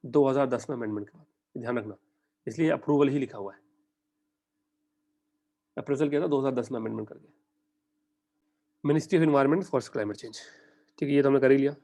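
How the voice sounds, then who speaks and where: A young Indian man giving a conversational exam-prep lecture, often putting quick questions to his students. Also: medium pitch, dark tone. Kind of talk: online lecture in mixed Hindi and English.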